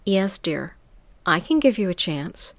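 A woman voicing a sultry grown woman who runs a phone business, speaking smoothly and coaxingly. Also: lowish voice, big pitch swings, unhurried, no room sound. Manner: smooth, coaxing, calls people dear.

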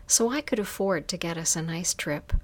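Woman narrator, erotic storytelling, soft and unhurried delivery with whispered passages. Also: fairly low pitch, expressive. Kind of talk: reading an erotic story aloud.

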